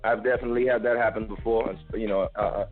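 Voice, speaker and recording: A man's voice: lowish voice, steady tone. A man guesting on a call-in talk show, joking and laid-back, speaking over the phone with a Brooklyn accent. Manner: laid-back, joking, talks fast with restarts. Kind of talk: casual chat on a call-in show. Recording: tinny phone line with faint music behind.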